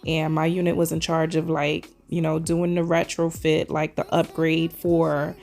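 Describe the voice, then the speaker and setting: Her low voice is completely flat in delivery, a little slow, darkish in tone, and marked by vocal fry. She's a Trinidadian nail vlogger giving a casual, chatty voice-over and calling everyone "y'all," her voice still slightly scratchy and tickly from a recovering sore throat.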